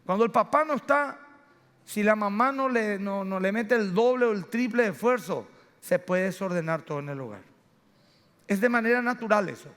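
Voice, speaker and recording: High-voiced pastor preaching in a hall. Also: male voice, animated, normal speed, fairly bright tone, clean tone. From Paraguay. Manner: storytelling, acting out family dialogues. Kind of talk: sermon. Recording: reverberant church hall.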